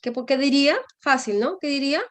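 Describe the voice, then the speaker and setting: A woman's voice: high voice, brisk, fairly bright tone, dry recording. A woman teaching a grammar class, explaining patiently and checking often with her students. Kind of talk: online class lecture.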